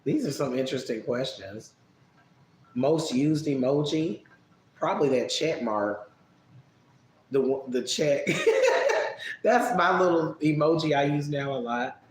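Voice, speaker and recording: A man casually answering viewer questions on a live stream, relaxed and chatty, musing aloud as he thinks. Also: on the high side, unhurried. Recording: echoey room with faint background noise.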